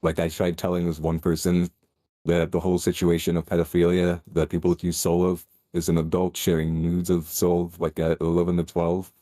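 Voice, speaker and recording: A man's voice: sits low, completely flat delivery, brisk, mellow, no room sound, studio quality. A man speaking through a voice changer in a voice-chat debate, rambling with many fillers and restarts.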